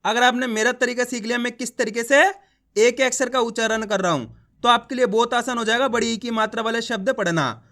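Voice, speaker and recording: A man's voice: extremely high pitch, fairly quick, pushed and bright. A man teaching reading online, sounding out words syllable by syllable, drawing out each finished word, and coaxing the viewer directly.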